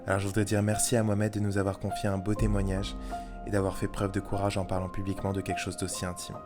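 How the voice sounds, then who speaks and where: A man narrating a scripted introduction as the channel's creator, brisk and earnest. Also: low-pitched, completely flat delivery. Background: loud background music.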